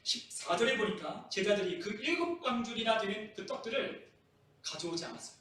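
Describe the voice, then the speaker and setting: High bright-voiced preaching pastor. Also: male voice, sing-song, fairly quick. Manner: preaching with dramatic voiced quotes. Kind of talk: sermon. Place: church sanctuary. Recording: echoey church hall from far off.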